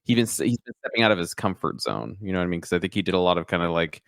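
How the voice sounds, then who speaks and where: A man's voice: low-pitched, lively intonation, racing, gravelly, a bit bright, dry recording, studio quality. A man co-hosting a film podcast, chatting loosely with lots of "like" and "kinda". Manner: loose, filler-heavy with lots of likes. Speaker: podcast co-host. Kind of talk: casual film chat.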